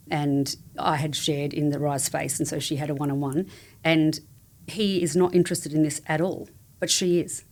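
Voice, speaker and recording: A woman with a low-pitched voice talks as a guest in a relaxed interview. She is candid and earnest, speaking in an affirming, conversational way. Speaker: podcast guest, family support coach.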